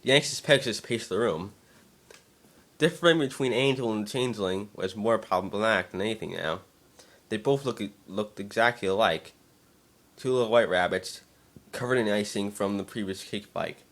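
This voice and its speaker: On the low side and at a moderate pace, a man performs a scripted fan-fiction story as a dramatic reading. He stays expressive even as he occasionally stumbles over his words.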